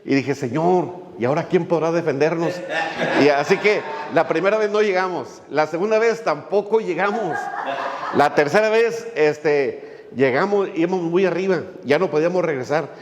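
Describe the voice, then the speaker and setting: A man's voice: fairly high pitch, normal speed, big-room sound, crowd noise. A male pastor, preaching a sermon in a folksy way, with many fillers and little jokes as he tells a story.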